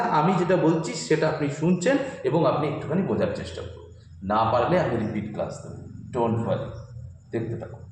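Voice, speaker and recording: A man teaching a classroom English grammar lesson, repeating each term and asking quick check-up questions while writing on a board. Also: on the high side, a little mellow, slight background noise. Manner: repetitive, reassuring, quizzes listeners with quick questions. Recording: very echoey room.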